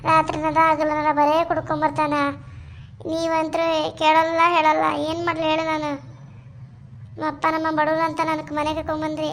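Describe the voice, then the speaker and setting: A woman's voice: sits high, monotone, normal speed, slight background noise, natural voice. A woman playing a fed-up young wife of a drunk, scolding and complaining with a North Karnataka accent. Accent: North Karnataka Kannada. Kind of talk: comedy skit acting.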